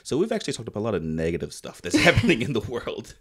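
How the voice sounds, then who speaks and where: A man's voice: fairly low pitch, huge pitch swings, very fast. A man in his thirties hosting a podcast from a small home studio, laid-back and affirming, swearing casually. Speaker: podcast host. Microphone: studio mic on boom arm, headphones.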